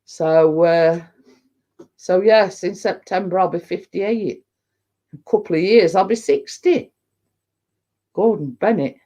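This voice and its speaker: A Lancashire woman in her fifties hosts a casual home livestream, reading out viewer comments and rambling along with frequent laughs. Her lowish voice is warm, and she takes things slowly with long pauses.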